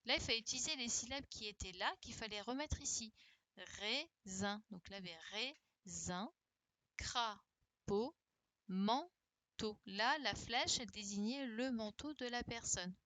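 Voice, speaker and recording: A woman's voice: fairly high pitch, fairly quick, hardly any pauses, pushed and bright, no room sound. A woman teaching a young class over a video call, correcting worksheets and coaxing pupils to answer by repeating her questions. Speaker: primary school teacher. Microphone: computer mic on a video call.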